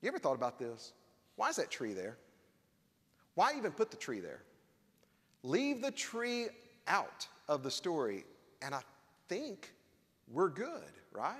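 A man's voice: fairly high pitch, huge pitch swings, measured pace, long pauses, fairly bright tone. A man preaching a sermon as pastor, earnest with touches of wry humor, reading scripture aloud. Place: church sanctuary. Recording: long hall reverb.

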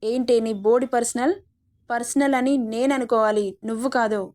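A woman's voice: a little high, fairly even intonation, moderate pace, a little mellow, lightly acted. A woman voicing a domineering, possessive young man who taunts and threatens. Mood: menacing.

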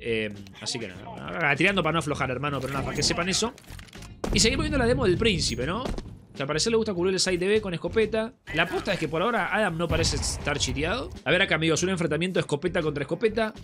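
A young gaming streamer with a Rioplatense Spanish accent talks at a racing pace in a fairly high voice with lively intonation, sounding congested from a cold. He chats casually while commenting on a game replay, addressing viewers as friends. Game music and gunfire play behind him.

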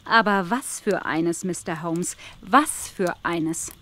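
In a German audio drama, an actress voices a polite, anxious young governess, speaking earnestly, deferentially and with neat articulation. Her female voice is on the low side and fairly bright, delivered slowly.

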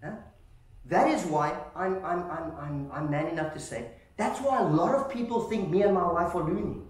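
A man preaching a sermon to his congregation, lively and animated, often calling them "family" and asking "Amen?". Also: sits high, moderate pace. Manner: animated, calls listeners "family" and checks in with "Amen?". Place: church hall. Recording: echoey hall, voice from far off.

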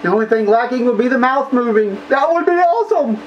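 A man's voice: extremely high pitch, lively intonation, fairly quick. A man casually reviewing a mask while wearing it, his voice muffled through the rubber, plainspoken and enthusiastic. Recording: air conditioning hum behind.

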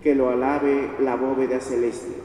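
Young male lay reader, dark mid-range voice, solemn psalm recitation, deep church echo. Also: level tone, a little slow. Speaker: lay reader at a wedding mass. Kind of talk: recited responsorial psalm reading. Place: large church, indoors. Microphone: gooseneck lectern microphone heard from far off. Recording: echoey church, distant, noisy.

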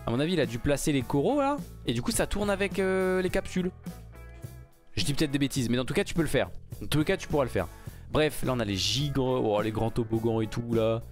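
A man giving casual, excited commentary while reacting to a game trailer, rambling with many fillers and restarts. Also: medium pitch. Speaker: gaming YouTuber reacting to a trailer.

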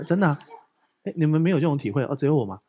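A man, a pastor speaking Mandarin with a Taiwanese accent, preaching a lively conversational sermon, joking and often asking the congregation if they agree. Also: a little high, fast, husky, highs cut off.

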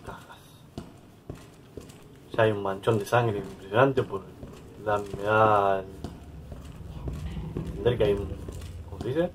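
A man's voice: lowish voice, fairly even intonation, takes it slowly, long pauses, background noise. A man with a Rioplatense Spanish accent giving casual let's-play commentary, chatty and easily startled, yelping and laughing at scares. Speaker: gaming YouTuber.

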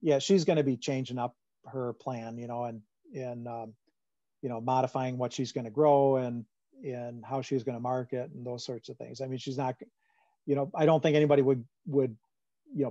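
A Midwestern man fields questions on a video call, his voice mellow and dark and the sound dry and close. The audio is dull and lo-fi, like a computer microphone. He talks in a loose conversational way, full of fillers and restarts. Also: mid-range voice, fairly even intonation, moderate pace, no echo. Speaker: farm finance presenter. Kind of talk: answering audience questions in a webinar. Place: home room on a video call.

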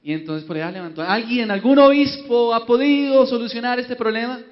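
High-voiced Colombian preacher, joking. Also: male voice, brisk. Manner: joking, storytelling, asks audience. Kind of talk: humorous sermon. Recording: dull lo-fi, long hall reverb.

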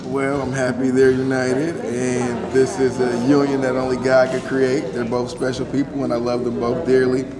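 A middle-aged man at a wedding offering calm, sincere well-wishes. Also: medium pitch, normal speed, few pauses, crowd noise. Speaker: wedding guest.

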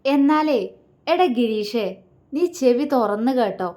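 A woman's voice: fairly high pitch, warm tone. A woman voicing a menacing young man who mocks and taunts his enemy, in a storybook reading. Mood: taunting. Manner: sneering, taunting, slow and deliberate.

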